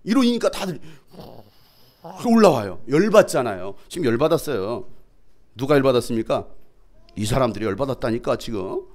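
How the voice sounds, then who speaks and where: A middle-aged pastor preaching a sermon, fiery and dramatic, who often shouts to drive home his point. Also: mid-range voice, sing-song, moderate pace, long pauses.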